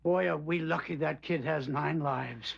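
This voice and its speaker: A man's voice: a little high, measured pace, creaky, very noisy. An older actor playing a dry-witted, teasing grandfather in a sitcom. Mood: wry. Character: wry, joking old grandfather. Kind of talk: sitcom acting. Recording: dull lo-fi TV audio.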